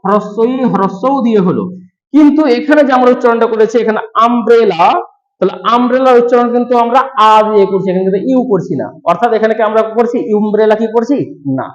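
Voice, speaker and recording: High-voiced man teaching grammar patiently. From West Bengal, India. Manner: slow, repetitive step-by-step explaining. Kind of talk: explaining grammar rules to students. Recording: echoey, dull room sound.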